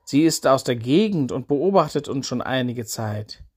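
A man's voice: medium pitch, lively intonation, moderate pace, slightly rough. An anxious, fretful disciple, voiced by a man narrating a Bible story. The voice stays close to the narrator's own, with an uneasy, insistent edge. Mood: worried. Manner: nervous, fretful.

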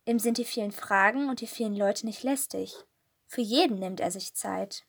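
A woman calmly reading a children's Bible story aloud as the storyteller. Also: medium pitch, moderate pace, creaky, breathy edge.

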